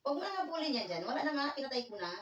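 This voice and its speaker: A woman's voice: high voice, very animated, racing, a bit bright, echoey room, far from the mic, muffled recording, a little hiss or hum. A woman vlogging at home, talking playfully to her cat and laughing often. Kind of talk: casual vlog chat with her cat. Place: indoors at home, in a bedroom.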